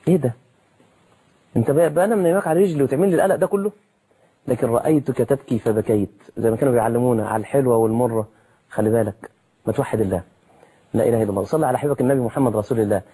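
Egyptian male preacher, quick husky delivery, mellow tone, dramatic pitch jumps. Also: rough recording. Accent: Egyptian Arabic. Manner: animated, dramatic, rises sharply in pitch for emphasis. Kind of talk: colloquial sermon.

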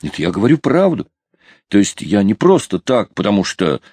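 A man's voice: lowish voice, very animated, moderate pace, a little mellow, husky, dry recording, clean studio sound, exaggerated voice. A man reading an audiobook, voicing an eager, awkward young sailor who is pushy and flustered.

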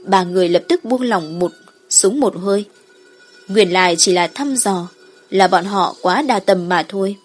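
A woman narrates a fantasy audiobook from a script. Her mid-pitched voice has a husky texture, and music plays behind it. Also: unhurried.

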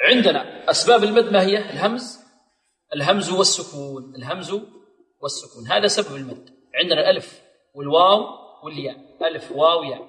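High-pitched guy teaching recitation, asks the class then answers himself, drags words out slow to show them, big echoey hall. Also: lively intonation, a bit bright. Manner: slowly repeats words to model pronunciation. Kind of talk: recitation lesson.

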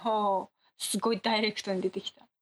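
Husky-voiced woman learning English. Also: medium pitch, little pitch movement, racing. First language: Japanese. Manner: curious, repeats words back, mixes in Japanese. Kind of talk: casual lesson chat.

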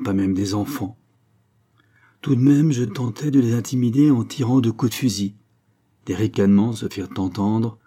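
A man reading a short story aloud as an audiobook narrator, in steady, measured scripted narration. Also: on the low side, breathy edge. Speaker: audiobook reader.

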